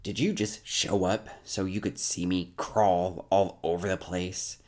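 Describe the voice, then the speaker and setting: An actor playing a proud, bitter, injured frontier man who talks gruffly and defiantly in a TV drama. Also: low voice, little pitch movement, unhurried.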